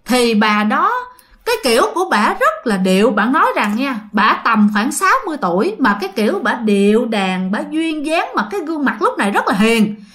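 A woman tells a horror story in a loose, chatty way. Her voice sits a little high, and she keeps turning to speak to her listeners. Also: very animated, brisk, fairly bright tone. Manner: chatty, addresses listeners directly.

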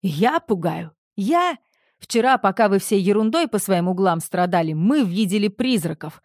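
A man's voice: moderate pace, a little mellow, no room sound, clean studio sound, lightly acted. A woman voicing a hysterical, pompous middle-aged male producer who rants shrilly. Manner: shrill, panicky, ranting.

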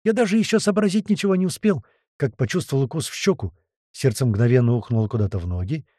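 A man narrating a first-person audiobook with vivid, lively storytelling. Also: medium pitch, fast talker, dry recording, studio quality.

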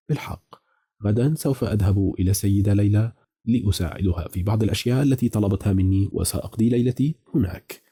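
A man's voice: on the low side, dark tone, slightly rough. A man narrating a horror novel as an audiobook, reading all the characters' dialogue in a near-plain voice.

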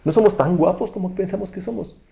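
Guy giving a chatty sermon, bit high voiced, keeps asking the crowd stuff. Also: quick pace, creaky, low-quality recording. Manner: relaxed, self-correcting, asks the audience questions. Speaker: preacher. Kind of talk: conversational sermon.

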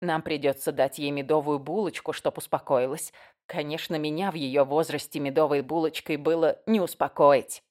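A woman's voice: sits low, steady tone, normal speed, a little mellow, close to an everyday voice. A woman voicing a homely, easygoing landlady who speaks in a soothing way in an audiobook.

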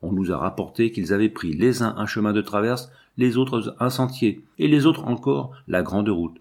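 A man's voice: lowish voice, expressive, normal speed, a little mellow. A man reading aloud and voicing a grave, officious country gendarme who questions children. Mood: matter-of-fact. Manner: grave, interrogating.

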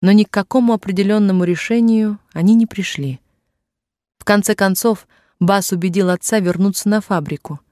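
A man narrating a novel aloud in a measured, even storytelling voice, in a dry room. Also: sits high, dry recording. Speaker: audiobook narrator. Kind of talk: scripted literary narration.

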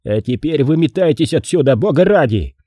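A man's voice: fairly high pitch, huge pitch swings, measured pace, warm tone, breathy edge, no echo, studio quality, voice pushed up, heavily acted. A man doing an exasperated burly police chief. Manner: exasperated, scolding. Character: heavyset male police chief, gruff peacemaker.

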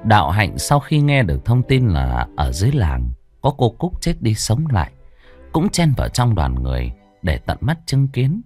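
A man's voice: lowish voice, wildly swooping pitch, normal speed, darkish tone, soft background music. Dramatic male ghost-story narrator, wide-ranging. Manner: suspenseful, vivid storytelling cadence.

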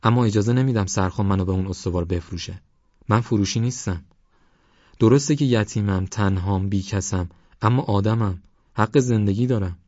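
A defiant young orphan woman in an audiobook, as a male narrator puts her on, pitched a little higher than his own low voice. She talks fast and fiercely, with a dry, somewhat dull sound. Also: a little mellow, no room sound, close to an everyday voice. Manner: fierce, pleading.

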